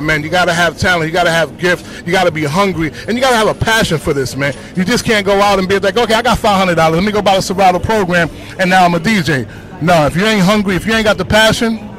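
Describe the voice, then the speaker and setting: A DJ with a Bronx, New York accent is interviewed on a city street, talking fast and casually in slang, full of shout-outs and "you know what I'm saying." His voice sits high, and the audio quality is poor.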